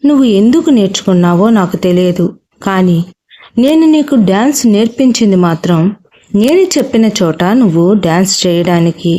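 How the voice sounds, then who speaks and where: A woman's voice: medium pitch, expressive, dark tone, lightly acted. A woman doing a greedy, angry uncle. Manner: hard, angry, fast.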